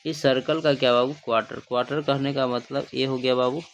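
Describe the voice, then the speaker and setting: A man's voice: medium pitch, fairly even intonation, fairly quick, dull audio, slight background noise. A male math teacher. He gives a livestream classroom lesson in call-and-response style, asking questions, repeating the answers and calling his students "babu".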